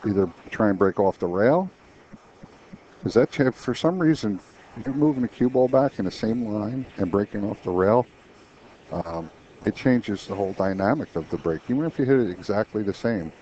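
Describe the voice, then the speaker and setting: Male pool commentator, low mellow voice, chatty shot analysis, dull lo-fi stream audio. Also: lively intonation, moderate pace, a little hiss or hum. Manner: chatty, explains shots with frequent restarts. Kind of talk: casual match commentary.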